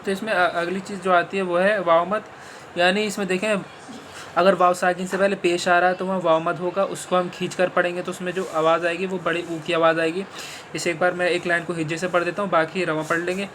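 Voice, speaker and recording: High-voiced male Quran teacher, spelling slowly. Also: little pitch movement, a bit bright, slight background noise. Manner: spells syllables slowly, then explains in quick bursts. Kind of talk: teaching Arabic letter sounds.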